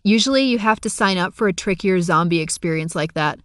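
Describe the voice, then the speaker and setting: A woman's voice: lowish voice, a little fast, no echo, lightly acted. Know-it-all gamer woman explaining, woman reading, dry close sound. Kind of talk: audiobook character reading.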